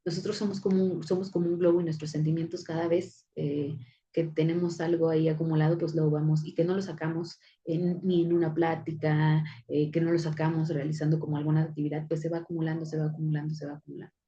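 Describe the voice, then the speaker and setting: Soft-spoken woman lecturing. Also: deep voice, flat delivery, fast talker, a little hiss or hum. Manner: conversational, many fillers and restarts. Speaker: psychology lecturer. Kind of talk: recorded class lecture with anecdotes. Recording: dull lo-fi recording.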